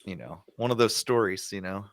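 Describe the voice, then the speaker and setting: A man's voice: lowish voice, lively intonation, fairly quick, a bit bright, slight background noise. A man co-hosting a podcast and working as a DJ, talking bluntly and swearing freely in casual chat. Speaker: podcast co-host, DJ.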